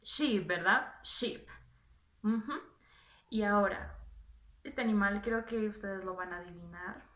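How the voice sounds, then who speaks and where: Slow, bright-voiced woman teaching children. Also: mid-range voice, echoey room. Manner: patient, encouraging, asks questions and repeats words. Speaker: English teacher. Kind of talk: children's language lesson.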